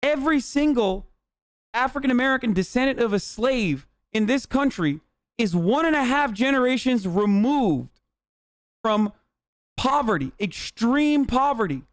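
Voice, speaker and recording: A man's voice: extremely high pitch, expressive, a little slow, dry recording, clean studio sound. A male livestream host on a heated, profane rant, talking angrily and with heavy emphasis.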